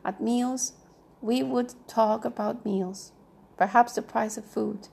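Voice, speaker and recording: A woman narrating a novel aloud in a measured, even reading style. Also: a little high, vocal fry, slightly rough. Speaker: audiobook reader.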